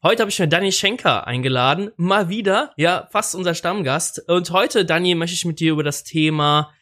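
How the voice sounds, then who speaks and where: A man hosting a casual podcast interview. His voice sits a little higher than most men's. He talks loosely and jokes as he goes. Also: normal speed. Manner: relaxed, jokey, loose. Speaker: podcast host.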